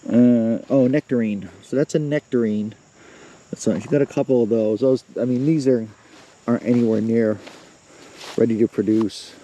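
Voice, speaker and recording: A middle-aged vlogger films a casual walk around his rural yard, rambling in a plain-spoken, filler-heavy way and sounding slightly out of breath. His voice is mid-range, dark and steady in tone at normal speed, with faint outdoor noise and crickets in the background.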